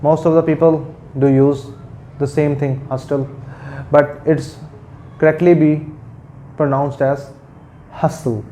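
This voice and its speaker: A man teaching pronunciation, repeating each word slowly and switching into Urdu-Hindi to explain. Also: a little high, level tone, warm tone. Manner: slow, repeats each word several times. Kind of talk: pronunciation lesson. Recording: faint background noise.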